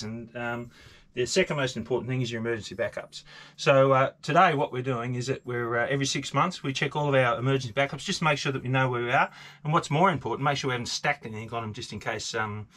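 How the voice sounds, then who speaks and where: An Australian man in his fifties, a sailing vlogger, chatting casually to camera on his boat with lots of fillers. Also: mid-range voice. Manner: relaxed, rambling with many fillers. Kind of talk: casual vlog talk to camera. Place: sailboat deck outdoors, then inside the boat's cabin.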